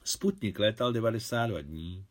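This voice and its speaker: A man, the translator of a novel, giving a measured, even reading of it aloud. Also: lowish voice. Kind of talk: literary audiobook reading.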